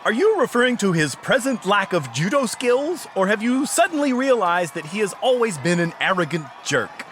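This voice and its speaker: A man acting a snide, bookish scholar in a fantasy audio comedy. His high voice swoops dramatically through stiff, formal, self-important phrasing. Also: big pitch swings, normal speed, hardly any pauses, noisy background. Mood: snide, exasperated. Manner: pompous, formal, avoids contractions, melodramatic. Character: fussy, bookish, wounded young-sounding male fantasy scholar, snide.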